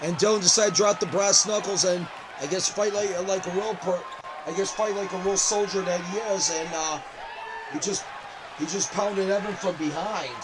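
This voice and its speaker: Excitable high-voiced wrestling commentator man. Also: moderate pace. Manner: excitable, frequent exclamations. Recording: loud crowd and game noise.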